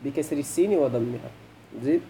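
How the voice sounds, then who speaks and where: Moroccan man, middle-aged, quick grammar teacher, mellow voice, quizzes his students. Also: a little high, low-quality recording. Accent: Moroccan Arabic. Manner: questioning students, switching to colloquial. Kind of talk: classroom grammar lesson.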